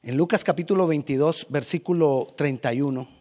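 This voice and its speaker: A man preaching a sermon as pastor, animated and acting out quoted voices. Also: a little high, fairly quick.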